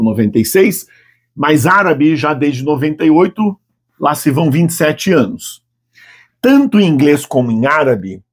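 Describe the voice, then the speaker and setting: A man in his fifties with a Brazilian Portuguese accent, teaching a video language lesson and patiently saying model phrases slowly for students to repeat aloud. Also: on the high side, husky. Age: 50s. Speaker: Arabic teacher.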